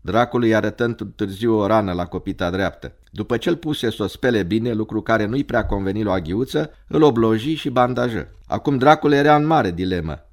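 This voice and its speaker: A man narrating a story in a measured, dramatic reading. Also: lowish voice.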